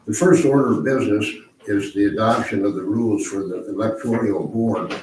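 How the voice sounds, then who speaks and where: Male meeting chair, hoarse and raspy, low pitch, formal procedural delivery, distant echoey room mic. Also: darkish tone. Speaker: mayor chairing an electoral board meeting. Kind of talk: formal meeting procedure, reading prepared remarks. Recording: roomy, distant mic, faint noise.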